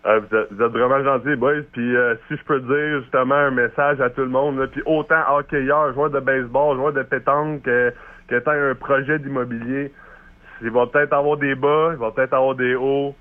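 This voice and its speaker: A man's voice: mid-range voice, fairly even intonation, moderate pace. A man with a Québécois accent chatting casually as an athlete in an interview, hesitant and slangy. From Quebec, Canada. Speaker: hockey player being interviewed. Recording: thin phone-like call sound.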